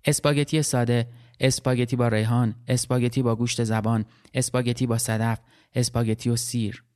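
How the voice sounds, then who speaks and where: Calm, measured male story narrator. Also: mid-range voice. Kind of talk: audiobook story reading.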